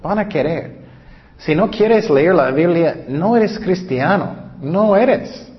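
A man's voice: high voice, expressive, takes it slowly. A man preaching a sermon, reading scripture aloud and repeating key words for emphasis, with frequent hesitations. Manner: hesitant, many fillers and restarts. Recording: dull sound with long hall reverb.

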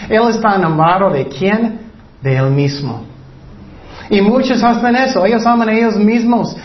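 Guy preaching a sermon, high voice, keeps repeating stuff and asking questions, muffled lo-fi sound. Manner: emphatic, repeats phrases, fires rhetorical questions. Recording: echoey, dull lo-fi room recording.

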